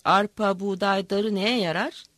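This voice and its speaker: A woman voicing a fierce, grieving old village woman who shouts her defiance in a storybook reading. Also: medium pitch, steady tone, a little slow, no room sound, natural voice. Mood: furious.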